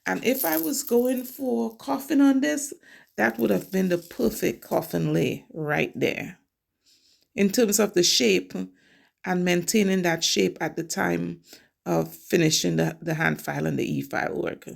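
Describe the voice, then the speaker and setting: In a lowish voice with vocal fry, a little on the slow side, a middle-aged nail technician from Trinidad and Tobago talks casually through each step of her work in a tutorial.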